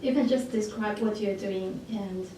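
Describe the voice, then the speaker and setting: A woman moderating a focus group, speaking haltingly with many fillers. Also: medium pitch. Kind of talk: hesitant moderation of a group discussion. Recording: echoey room from far off, noisy.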